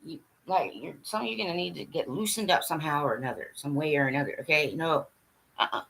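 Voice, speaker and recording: This livestream host has a low-pitched, gravelly voice with a bit of brightness and talks fast, captured in a rough recording with slight background noise. Speaking bluntly and in a scattered way straight to viewers, she curses, laughs, and asks them to agree.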